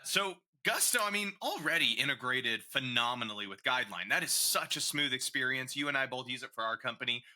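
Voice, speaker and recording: A man's voice: mid-range voice, brisk, few pauses. A man co-hosting a casual podcast, joking around and running a quiz game in a playful manner. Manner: playful, jokey, lively quiz-host delivery. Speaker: podcast co-host and game show quizmaster. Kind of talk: casual chat.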